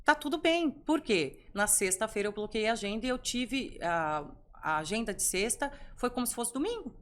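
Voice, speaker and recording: A middle-aged woman speaking as a podcast guest, telling stories with lively rhetorical questions. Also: a little high, normal speed. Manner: animated storytelling, rhetorical questions. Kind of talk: conversational interview.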